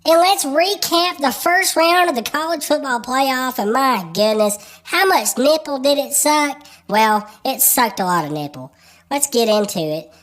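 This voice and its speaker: A woman's voice: high-pitched, lively intonation, a little slow, a bit bright. A woman hosting a sports podcast. Her voice is congested from a cold, and she talks in a crude, rambling way with lots of ums. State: congested, stuffed-up voice. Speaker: podcast host. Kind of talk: casual sports podcast chat.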